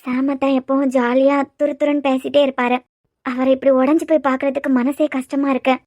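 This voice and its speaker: A wounded young woman in a cartoon serial answers in short, guarded lines. Her voice sits high, and she has a Kanyakumari Tamil accent. The recording is dry and close. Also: little pitch movement, brisk, a little mellow, dry recording, dull audio. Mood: puzzled.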